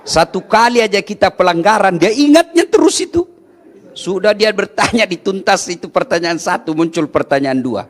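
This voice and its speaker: A male preacher delivers a humorous sermon with a fairly high voice that swings widely in pitch. He tells stories in an animated way and acts out the dialogues as he goes. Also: normal speed.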